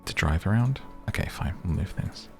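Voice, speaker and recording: Man, low gravelly pitch, hoarse and strained, chatty sleep-aid game commentary, muttering to himself, music behind. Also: expressive, moderate pace. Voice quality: raspy, strained voice. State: voice going hoarse. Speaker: gaming video creator and podcaster.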